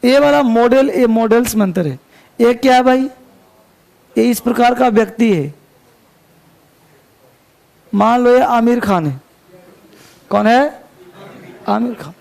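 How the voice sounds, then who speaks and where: A man's voice: extremely high pitch, slow, gravelly, long pauses, darkish tone. A man teaching an English grammar class, chatty and joking, quizzing his students as he goes. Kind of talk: classroom lecture.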